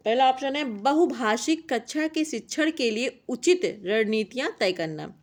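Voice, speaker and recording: A young woman teaching a class on language teaching, reading out lists of points in a steady classroom manner. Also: on the high side. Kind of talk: exam-prep lecture reading out points.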